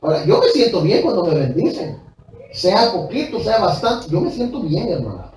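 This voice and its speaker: A male pastor preaches in a high, emphatic voice, hammering his points home through repetition and direct questions to the congregation. He slips into personal anecdotes told conversationally from the pulpit. The recording is echoey and picked up from far off in a church hall. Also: big pitch swings, normal speed, a little mellow. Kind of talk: preached sermon.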